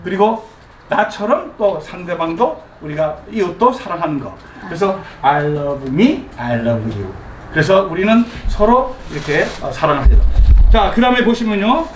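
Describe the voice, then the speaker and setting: A man teaching an English class to a live audience in a room, leading them through call-and-response drills in a lively, coaxing way and chuckling as he explains. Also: high-pitched, a little slow, distant mic. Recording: echoey room recorded from afar, faint ambient noise.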